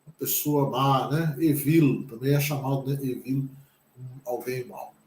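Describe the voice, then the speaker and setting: A man's voice: medium pitch, steady tone, a little slow, darkish tone, roomy sound, slight background noise. A Brazilian pastor teaching a Hebrew lesson, patient and careful, repeating each word several times as he explains it. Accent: Brazilian Portuguese. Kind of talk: slow classroom lesson.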